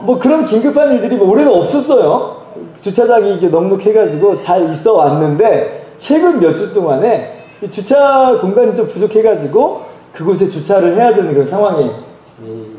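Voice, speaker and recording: A middle-aged male pastor telling a personal story during a sermon, with animated, laughing delivery. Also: high voice. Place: church sanctuary. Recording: echoey church hall.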